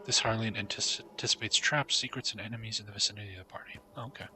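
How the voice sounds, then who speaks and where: A male streamer giving casual commentary on a fantasy role-playing game, reading game text aloud in a relaxed way. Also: fairly low pitch, rapid-fire, slight background noise.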